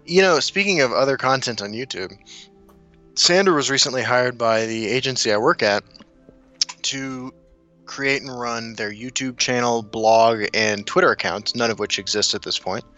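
An American man co-hosts a casual chat, his medium-pitched voice pushed and bright at a normal speed. The lo-fi recording has soft background music as he rambles through stories and keeps interrupting himself.

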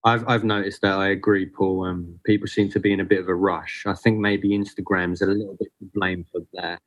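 A man's voice: sits low, little pitch movement, muffled recording. Earnest man in his thirties. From Southeast London. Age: 30s. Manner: earnest, unhurried, restarts phrases. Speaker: guest photographer. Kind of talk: casual podcast chat.

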